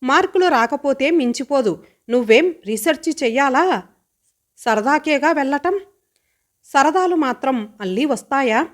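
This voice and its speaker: A woman's voice: sits high, animated, pitched above the performer's own voice. A woman voicing a headstrong, teasing college girl who answers back boldly. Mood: defiant. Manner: bold, mocking, quick retorts.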